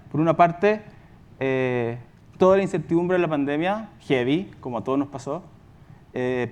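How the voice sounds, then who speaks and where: Speaking with a Chilean accent, this male executive presents informally at a conference, pausing haltingly and fixing his words as he goes. He has a high-sitting, somewhat mellow voice.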